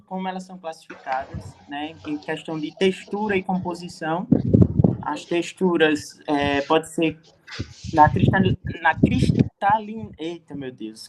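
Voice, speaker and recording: A man with a Brazilian Portuguese accent, a student answering in an online class, hesitant and stumbling over words. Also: high voice. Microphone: computer mic on video call. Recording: noisy video-call audio.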